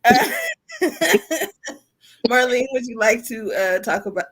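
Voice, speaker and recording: A woman from Los Angeles hosts a relaxed panel conversation. Her voice sits a little high, and she takes her time, laughing often as she reads out comments. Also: rough recording. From Los Angeles, California. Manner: laughs often, playful and unhurried. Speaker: host. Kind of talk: casual panel chat.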